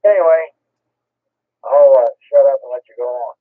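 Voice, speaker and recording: A man's voice: medium pitch, moderate pace. A man checking in on a ham radio net whose transmission has a tinny, tin-can sound, talking in an easygoing, shrugging way. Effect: tinny tin-can sound on his radio transmission. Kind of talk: casual on-air radio chat. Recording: tinny two-way radio line with feedback.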